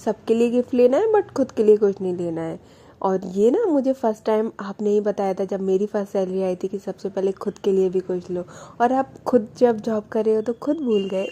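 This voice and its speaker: A woman's voice: mid-range voice, lively intonation, normal speed, dark tone, lightly acted. A woman voicing a sweet, stubborn young woman who coaxes and pleads for what she wants. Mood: earnest.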